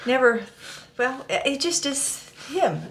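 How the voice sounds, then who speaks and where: A woman's voice: sits high, big pitch swings, a bit bright, a little hiss or hum. A woman in casual conversation, asking curious questions and joking and laughing often. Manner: curious, chatty, quick to joke and laugh. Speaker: co-host.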